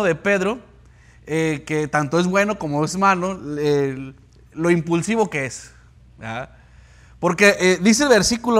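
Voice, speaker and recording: A man teaching a Bible class and reading scripture aloud, addressing listeners as brother at almost every phrase, with halting fillers and restarts. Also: high voice. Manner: calls listeners "hermano" nearly every phrase.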